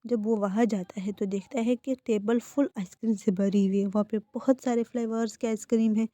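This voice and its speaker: A woman's voice: on the high side, steady tone, a little fast, mellow, no room sound. A woman casually retelling a fan fiction story in a plain, conversational way.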